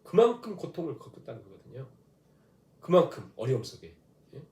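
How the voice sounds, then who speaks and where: A man's voice: fairly high pitch, sing-song, a little fast, a little mellow, reverberant. A man preaching a dawn prayer sermon, asking rhetorical questions and leading the congregation through scripture readings. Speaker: pastor. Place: church sanctuary.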